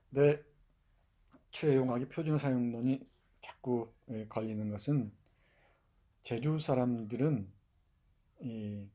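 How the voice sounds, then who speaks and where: A man's voice: medium pitch, warm tone, slightly rough. A man giving a university literature lecture, explaining and demonstrating dialect pronunciations, with frequent fillers and restarts.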